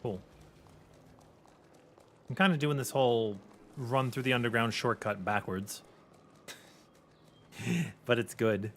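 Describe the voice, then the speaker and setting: A man's voice: medium pitch, steady tone, slow, pauses often, a bit bright, a little hiss or hum. A man giving casual, slangy gameplay commentary as a chatty game streamer.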